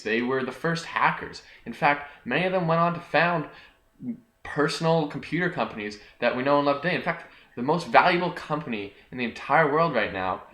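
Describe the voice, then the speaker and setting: A young man talks through a scripted history lesson with a bright, forward tone, cracking jokes and answering himself. The room around him rings with echo. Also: medium pitch. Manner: jokey, talks back to himself. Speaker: host of a homemade history video.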